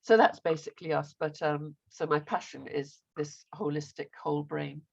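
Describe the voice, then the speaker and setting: A woman in her seventies introduces herself to a group in a low, gravelly voice that turns squeaky, as if she is under the weather. She speaks as an experienced teacher. The recording is dull and lo-fi. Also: steady tone, normal speed. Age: 70s. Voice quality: squeaky, croaky voice from feeling unwell. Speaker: language teacher and residential course owner. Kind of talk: self-introduction in a group online discussion. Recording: dull, lo-fi call audio.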